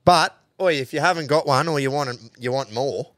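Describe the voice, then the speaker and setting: A man's voice: on the high side, moderate pace, fairly bright tone, dry recording, studio quality. A man with an Australian accent hosting casual sports and betting chat in a blokey, slangy, sweary way. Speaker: podcast host.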